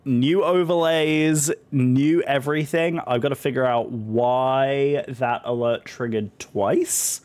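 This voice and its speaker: A British man with a hoarse, still-recovering voice chats casually and effusively with viewers on a live stream. His voice is medium-pitched and a little mellow.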